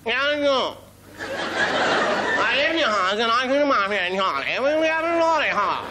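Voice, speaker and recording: Upper-class toff, strangled drawl, as a man puts him on, high and swooping. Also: big pitch swings, normal speed, a crowd in the background, noisy background. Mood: haughty. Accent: English upper-class.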